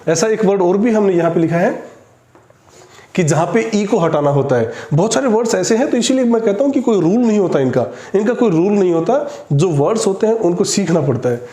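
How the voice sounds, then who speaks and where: A man teaching an English spelling lesson, spelling words out slowly letter by letter. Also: high voice, animated, mellow. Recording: echoey room.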